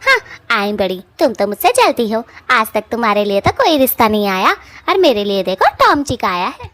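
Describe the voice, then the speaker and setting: A brash bald witch from a cartoon story, voiced by a woman, all boasting and backtalk. She speaks in a fairly high voice with a rough, taunting village manner, and the recording is close and dry. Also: big pitch swings, normal speed, fairly bright tone, no echo. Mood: boastful, defiant. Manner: mouthy village taunting speech, whiny when scared. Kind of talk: cartoon voice acting.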